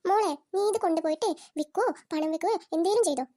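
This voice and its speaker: Scheming cartoon mother-in-law put on by one voice actor, squeaky high voice, soft dark tone. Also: fast talker. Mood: coaxing, scheming. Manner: fussing, coaxing, then shrill and alarmed. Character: scheming middle-aged mother-in-law, bossy and sly. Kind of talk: cartoon voice acting.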